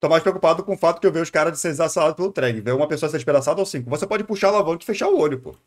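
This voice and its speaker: A streamer reacting to a video talks in casual live-stream style, his Brazilian Portuguese accent clear as he hesitates and repeats words while thinking aloud. His voice sits fairly high, animated and rapid-fire.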